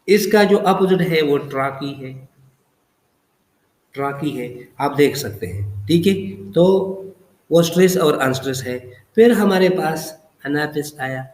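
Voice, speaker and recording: A man's voice: a little high, darkish tone, echoey room. A man teaching English poetry in a classroom lecture, patiently repeating terms and checking in often. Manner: patient, repetitive teaching with frequent check-ins. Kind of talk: classroom lecture explaining poetic feet.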